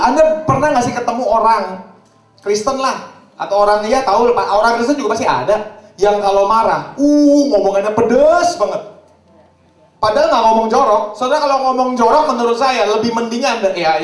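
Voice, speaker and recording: A male pastor delivers a chatty, conversational sermon. His voice sits very high and keeps turning to the congregation with questions. The sound carries the boom of a church hall, heard from some way off the mic. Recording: echoey hall, mic at a distance.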